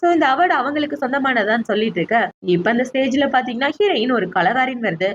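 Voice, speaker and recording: A woman narrating a drama recap as a story, briskly retelling each scene and speaking the characters' lines herself. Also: sits high, expressive, highs cut off, slight background noise.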